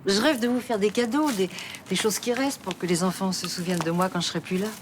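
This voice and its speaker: A woman's voice: mid-range voice, quick pace, noisy background, close to an everyday voice. An actress playing a mother who guilt-trips her daughter in a sugary, wheedling way, in a TV soap drama. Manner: cloying, wheedling.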